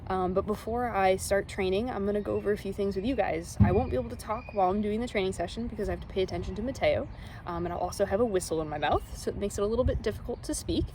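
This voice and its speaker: A woman with a mid-pitched voice speaks as a zookeeper giving an informal educational demonstration. She explains things in simple, casual terms suited to children. Faint background noise sits behind her voice. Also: warm tone. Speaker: zookeeper and animal trainer.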